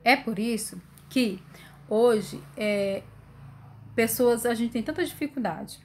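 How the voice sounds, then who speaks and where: A woman's voice: a little high, slow pace, a little mellow, a little hiss or hum. A woman giving an online university class, reading lists aloud and explaining with many fillers and restarts. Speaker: university lecturer. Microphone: phone.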